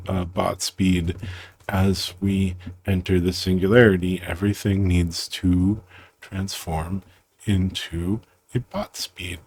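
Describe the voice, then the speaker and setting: A man explaining his own programming system in a casual, rambling way, halting and restarting often, with a playful tone. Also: sits low, creaky, a little mellow, slightly rough. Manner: halting, self-interrupting, playful, muses aloud.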